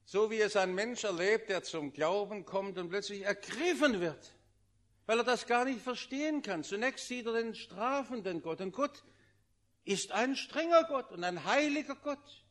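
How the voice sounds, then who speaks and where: A man preaching a sermon, earnestly swelling loud on quoted prayers and then dropping low and slow. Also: expressive.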